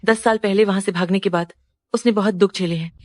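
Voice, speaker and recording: A woman gives voice to an efficient assistant in a dubbed drama, brisk and matter-of-fact. Her voice sits at a middle pitch. The studio sound is dry and close. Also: fairly even intonation, no room sound, lightly acted. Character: efficient young assistant reporting findings.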